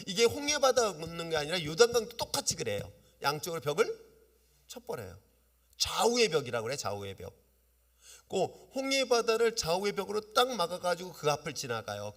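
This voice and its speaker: A man preaching a sermon as pastor, lively and often asking his congregation questions. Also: a little high. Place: church sanctuary. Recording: long reverb of a church hall.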